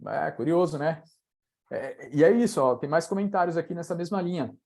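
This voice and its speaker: A man's voice: on the high side, a little fast, vocal fry, a little mellow. A Brazilian man mentoring a live online audience, talking casually and walking listeners through exercises with frequent tag questions. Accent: Brazilian Portuguese. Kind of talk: live online coaching talk.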